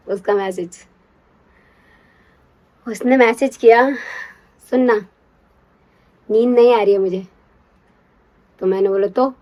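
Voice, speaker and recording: Chatty young woman, confiding and lively. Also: a little high, muffled recording. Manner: chatty, confiding, keeps asking "you get it?"; drops to a hushed whisper when acting out secrecy. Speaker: storyteller recalling her first love. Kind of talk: casual personal storytelling.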